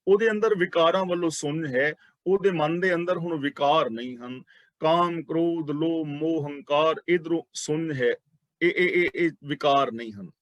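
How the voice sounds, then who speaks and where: A man teaching a religious class, explaining sacred terms slowly and speaking directly to his listeners, often repeating key words. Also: on the high side, no echo. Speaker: Sikh scripture teacher.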